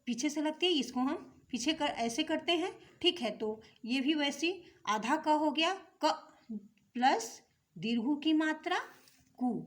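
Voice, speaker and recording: A woman teaching young children in a patient classroom manner, asking simple questions and repeating each step. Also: high-pitched. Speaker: primary school teacher. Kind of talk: slow classroom explanation of letters.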